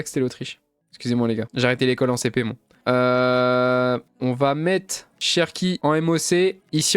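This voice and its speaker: A man's voice: fairly high pitch, clean tone, dry recording. A young man casually commentating his football video game career, talking to his viewers with slangy jokes and sudden bursts of cheering. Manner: excitable, swings from mumbling asides to loud cheering; addresses viewers as "les gars", slangy and joking. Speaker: gaming YouTuber.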